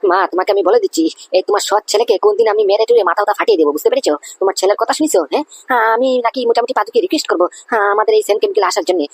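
A woman's voice: on the high side, big pitch swings, very fast, vocal fry, slightly rough, heavily acted. A woman voicing a quarrelsome, hot-tempered grown-up son in a cartoon. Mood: angry. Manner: quarrelsome, blustering.

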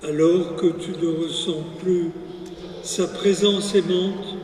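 A man who is a parish priest, slowly leading prayers and reading the Gospel in a solemn, measured way. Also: high-pitched, steady tone, darkish tone, distant mic. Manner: slow, solemn, measured delivery. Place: large church. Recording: echoey church recorded from afar, faint noise.

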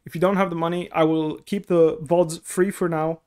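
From a headset at his desk in a small indoor room, a young man whose first language is Dutch casually streams and coaches, answering chat and explaining things step by step with frequent okays. His voice is on the high side, clear, resonant and a little mellow, with a level tone and moderate pace.

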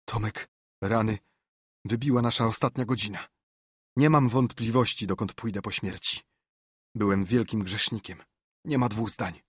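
A man voicing a scared, superstitious young boy in an audiobook, talking in a hushed, fearful whisper. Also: on the low side, moderate pace, long pauses, breathy edge, no room sound, studio quality. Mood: despairing.

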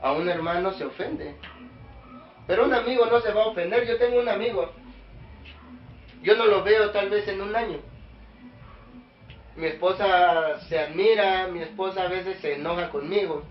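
A man's voice: high-pitched, normal speed, long pauses, soft background music. A man preaching a sermon to a small congregation, questioning listeners directly and rising to emphatic peaks. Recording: echoey room, dull lo-fi sound.

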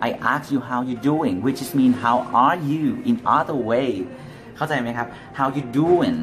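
A man's voice: medium pitch, fairly even intonation, extremely slow, fairly bright tone, slight background noise. A man with a Thai accent, a native Thai speaker, giving a casual English lesson and acting out example greetings. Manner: switches between English and Thai, acts out example phrases. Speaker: English teacher.

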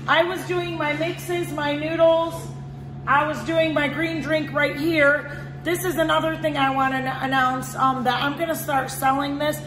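Filmed on a handheld phone at her shelved indoor market stall, a woman in her forties who owns the shop gives a chatty, enthusiastic product demo vlog, repeatedly saying "okay guys". Her voice sits high, and the market hall sounds echoey with noise in the background.

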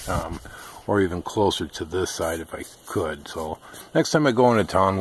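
With a voice that sits low, this off-grid vlogger films a handheld, casual how-to of his outdoor DIY work on a rural homestead. He explains things unhurriedly as he goes, ums frequently, and a little hiss or hum is audible.

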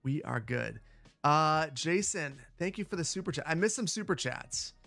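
A man with a boomy, bass-heavy sound on a close broadcast microphone, chatting casually and repeating short phrases as he hosts a gaming livestream. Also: expressive, normal speed, bright, forceful tone, no echo, soft background music. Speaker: livestream host, gamer. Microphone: close broadcast dynamic microphone.

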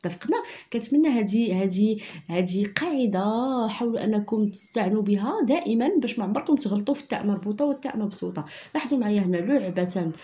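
A woman with a Moroccan Arabic accent teaching a primary school spelling lesson, repeating points patiently and dictating sentences slowly. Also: medium pitch, warm tone. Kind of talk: online lesson explaining handwriting and spelling.

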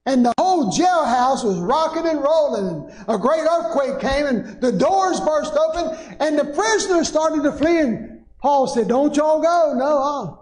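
A man's voice: extremely high pitch, a little mellow. An older man, preaching a sermon from a church pulpit with rising, emphatic bursts. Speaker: pastor. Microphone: pulpit microphone. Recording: echoey church sanctuary.

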